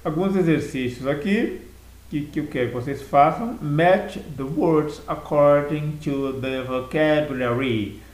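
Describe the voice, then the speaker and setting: A man giving a recorded language lesson, explaining vocabulary slowly and repeating words in two languages. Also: on the high side, darkish tone, reverberant, rough recording. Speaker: English teacher.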